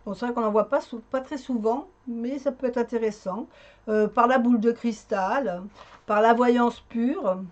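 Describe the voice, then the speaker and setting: A woman's voice: a little high, normal speed, highs cut off. A woman vlogger chatting casually to her viewers, with lots of hesitant fillers and restarts. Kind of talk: casual chat.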